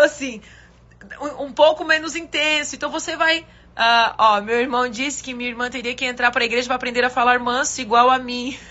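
A middle-aged woman pastor, giving a casual devotional talk in a loud, forceful way. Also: sits high, dull audio. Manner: loud, forceful, talks with her hands.

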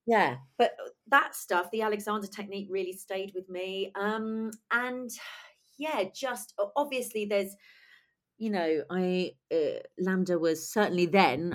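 A woman with a husky, lowish voice and a cold is the guest writer and director in a conversational interview. She is chatty and lively and laughs often.

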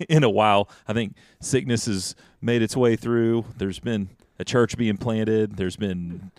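Deep-voiced man co-hosting a podcast. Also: slow pace, dry recording, clean studio sound. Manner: relaxed, rambling, with restarts. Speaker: podcast co-host. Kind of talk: casual podcast chat and book reading.

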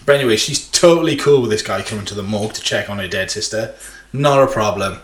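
A man's voice: lowish voice, fast talker, echoey room. A man casually recapping a film on a podcast, swearing, laughing often and acting out the scenes. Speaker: podcast co-host.

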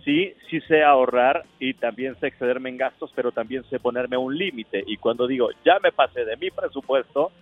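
A man's voice: mid-range voice, moderate pace, few pauses, no echo, phone-quality sound, faint music behind. Man, co-host, easygoing and wry, mid-range voice. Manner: easygoing, agreeable, wry asides.

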